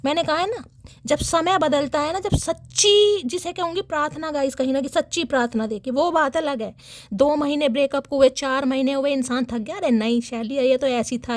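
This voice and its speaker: A woman's voice: high-pitched, no echo. A young woman giving a casual tarot reading to her viewers, playful and teasing, laughing often. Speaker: tarot reader.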